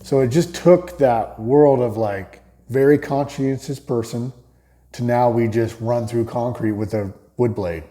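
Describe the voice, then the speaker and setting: A man's voice: medium pitch, measured pace, dark tone. A man hosting a casual interview as a builder, rambling with restarts and tag questions. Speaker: host, builder.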